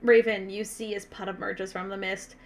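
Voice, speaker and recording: A woman running a tabletop game, narrating off the cuff in a casual, sweary way with dramatic pauses. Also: mid-range voice, little pitch movement. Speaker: game master.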